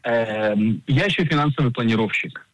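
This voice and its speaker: A man in his forties, an insurance agent and financial planner, explaining coverage in a radio interview in a measured way with frequent hesitations. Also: mid-range voice, no echo, highs cut off.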